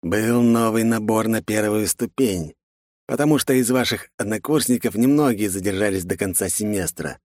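A bossy, scolding academy director, as a male narrator puts him on barks his orders and stretches out words for weight. His voice sits a little higher than the reader's own, slightly low for a man and very dry, with no room around it. He sounds like a man used to being obeyed. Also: darkish tone, dry recording, close to an everyday voice. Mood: stern. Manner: barking, scolding, drawn-out emphasis. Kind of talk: audiobook character voice.

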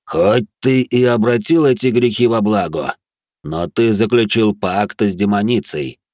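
A man voicing a male lizardfolk guard with a deep, thunderous, otherworldly voice, speaking slowly and solemnly. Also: expressive, darkish tone, no room sound, studio quality. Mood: stern. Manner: solemn, slow and weighty.

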